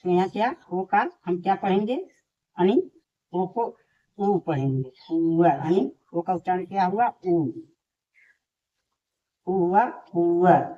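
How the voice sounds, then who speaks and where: A woman's voice: lowish voice, lively intonation, slow, long pauses. A woman teaching a lesson step by step, patient and repeating each point. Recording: dull lo-fi recording.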